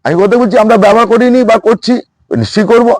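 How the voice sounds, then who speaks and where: A man who runs a plant nursery, explaining in a quick, excited, repetitive way in a casual chat outdoors at his nursery. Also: sits high, no room sound.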